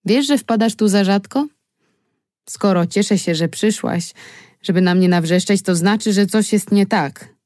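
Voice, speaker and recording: A woman's voice: mid-range voice, unhurried, darkish tone, no echo, natural voice. A woman reading the lines of a wry, amused man who teases dryly, in an audiobook. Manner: dry, teasing.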